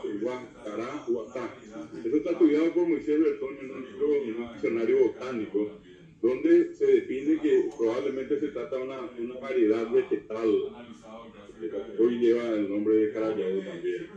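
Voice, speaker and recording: Speaking at a medium pitch and normal speed in a mellow voice, a Guarani expert with a Paraguayan Spanish accent explains words during a TV studio interview. He's from Paraguay and lectures with lots of fillers. The broadcast sound comes across as distant, roomy and dull.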